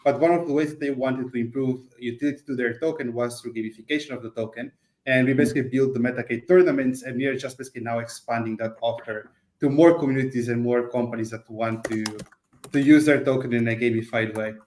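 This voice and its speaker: A man giving a conversational company pitch as an interview guest, explanatory, with non-native English phrasing and filler words. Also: fairly even intonation, fast, a little mellow, echoey room, rough recording. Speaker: game studio CEO, interview guest.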